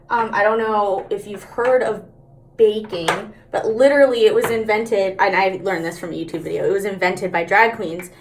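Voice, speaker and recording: A woman's voice: mid-range voice, a little hiss or hum. A woman chatting casually through a makeup tutorial, candid, slangy and sweary, talking out of the side of her mouth.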